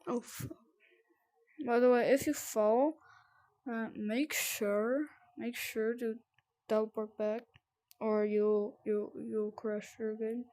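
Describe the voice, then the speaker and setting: A gamer giving casual, sweary VR gameplay commentary in a halting, rambling way that repeats words, with audible heavy breathing. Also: medium pitch, steady tone, a little mellow. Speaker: gamer presenting a VR game tutorial.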